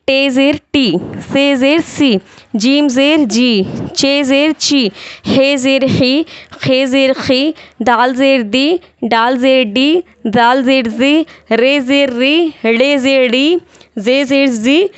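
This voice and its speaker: A woman teaching a reading lesson, slowly reciting letters and sounds one by one, then explaining quickly and patiently. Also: high voice, clean tone, no echo, dull audio.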